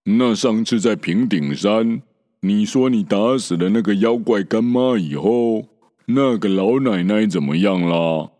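A man putting on a sly pig disciple with a low, dark, drawling voice that needles with slow questions, with a long reverb trailing behind. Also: close to an everyday voice. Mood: needling. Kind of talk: storybook character voice.

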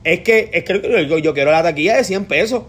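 A man's voice: high-pitched, animated, fairly quick, a bit bright, slightly rough. A young man with a Puerto Rican accent, co-hosting a podcast, joking and swearing constantly. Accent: Puerto Rican Spanish. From Puerto Rico. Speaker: podcast co-host. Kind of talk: casual chat.

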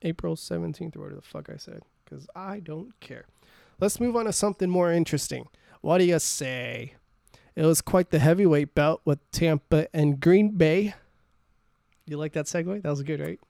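A man's voice: fairly high pitch, normal speed, creaky, mellow, no echo, studio quality. A man co-hosting a podcast, chatting casually about sports, blunt and teasing, swearing freely. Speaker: podcast co-host.

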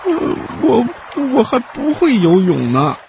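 A man's voice: high-pitched, unhurried, noisy background, pitched above the performer's own voice. A man voicing a timid little boy reindeer calf in a children's story, stammering shyly and sounding unsure. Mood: hesitant.

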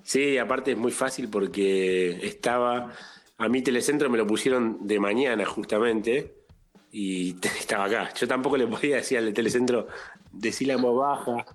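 Deadpan Rioplatense man telling a story. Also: on the low side, normal speed. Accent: Rioplatense Spanish. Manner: deadpan, peppered with "viste". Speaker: podcast panelist telling a personal story. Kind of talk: casual comedic chat.

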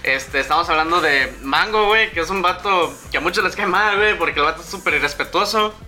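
High, bright-voiced Mexican man. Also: fast talker, faint music behind. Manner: slangy, rambling, peppered with fillers. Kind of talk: casual gaming chat.

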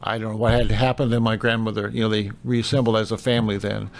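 A man's voice: lowish voice, flat delivery, fast talker, vocal fry. A middle-aged or older man co-hosting a local news show, informal and plainspoken, reading notices and chatting with hesitant asides.

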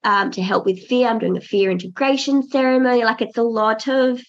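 A woman's voice: on the high side, fairly even intonation, a little fast. A pregnant woman in her thirties, a podcast guest talking casually, earnest and reflective with many restarts. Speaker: podcast guest, birth doula. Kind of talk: casual interview chat. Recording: dull lo-fi audio.

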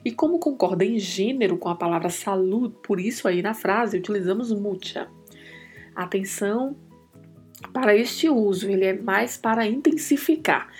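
Woman teaching Spanish pronunciation slowly. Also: medium pitch, soft background music. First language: Portuguese. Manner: slow, careful pronunciation drills. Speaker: Spanish teacher and podcast host. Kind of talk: podcast language lesson.

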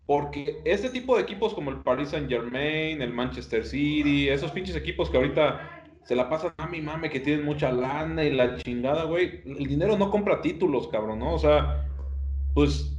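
A man's voice: on the high side, animated, moderate pace, a crowd in the background. A man with a Mexican accent co-hosting a casual chat, talking in profane, slangy street language. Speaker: podcast co-host. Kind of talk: casual chat, sports opinion. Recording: dull, roomy sound.

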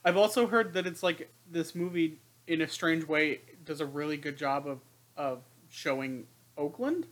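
A man in relaxed conversation about a film, his voice pitched fairly high. He speaks in a measured way, mostly offering short agreeing replies. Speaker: podcast co-host. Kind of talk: casual movie discussion.

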